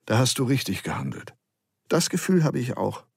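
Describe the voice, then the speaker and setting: A worn-out old emperor, stiff with gout, issuing clipped fatherly orders, as a male audiobook reader puts him on. The voice is gravelly and a bit husky, in a dry, close studio sound. Stern but tired, never raising itself far. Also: medium pitch, huge pitch swings, moderate pace, no room sound, full character voice. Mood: gruff. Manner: terse, tired paternal commands. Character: aging gout-ridden former emperor, weary, stern.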